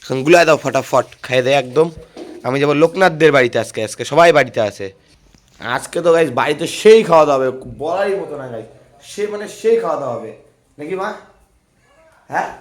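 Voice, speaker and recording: A young man chatting to viewers while filming a casual phone vlog at home and on local roads, slightly hoarse. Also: on the high side, expressive, fast talker. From India. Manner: chatty, addresses viewers as "guys". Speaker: vlogger.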